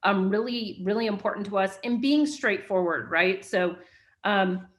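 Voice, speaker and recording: A businesswoman being interviewed speaks in a voice of middling pitch. She explains things clearly and steadily, and she keeps checking in with a quick "right?". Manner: articulate, often adds a checking "right?". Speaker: guest executive. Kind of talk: interview answers.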